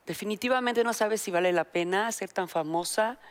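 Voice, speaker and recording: Woman, older, Mexican accent, talk show guest, animated storytelling, casual chat. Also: medium pitch, moderate pace. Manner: animated storyteller acting out quoted dialogue.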